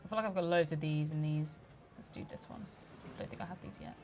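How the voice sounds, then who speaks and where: A woman giving casual let's play commentary as she builds a park, chatty and quick to laugh. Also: low voice, darkish tone, slight background noise. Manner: chatty, laughs often, mock-outraged at park guests. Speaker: community manager streaming a game.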